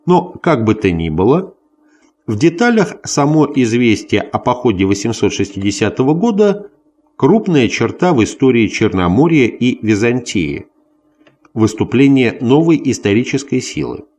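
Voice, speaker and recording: A man reading a scholarly history text aloud as scripted narration, in a deliberate, bookish manner. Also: medium pitch, big pitch swings, a little mellow, husky. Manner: deliberate, announces notes and quotations aloud. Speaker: audiobook reader of a history text.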